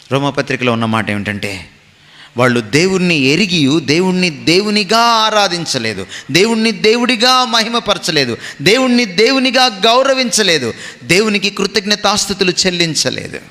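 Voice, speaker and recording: Pastor, male: bright, emphatic sermon delivery with long hall reverb, drops into English phrases. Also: sits high.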